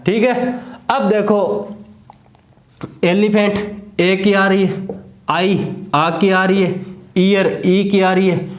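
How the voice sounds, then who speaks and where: A man's voice: high voice, echoey room. A man teaching a grammar lesson in a Hindi accent. He asks the class a question and then repeats the answer.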